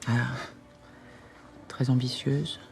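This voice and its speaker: An actress playing a frank, teasing forensic police specialist in a TV crime drama, familiar and direct. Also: female voice, rumbling low, little pitch movement, very slow, creaky, exaggerated voice. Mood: prodding. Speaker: actor in a police series. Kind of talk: naturalistic TV crime drama acting.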